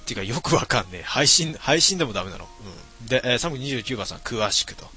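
A man's voice: mid-range voice, animated, fast talker, pushed and bright, soft background music. A middle-aged man streaming late at night, reading viewer comments aloud in a casual, mumbling way with many fillers.

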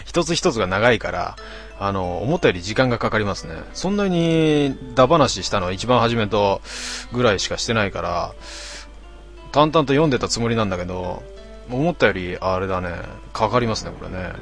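A man hosting a casual late-night stream, reading out listener comments with grumbling asides and frequent throat clearing. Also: fairly low pitch, expressive, a little fast, a bit bright, soft background music. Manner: grumbling, talks to himself, mock-annoyed asides.

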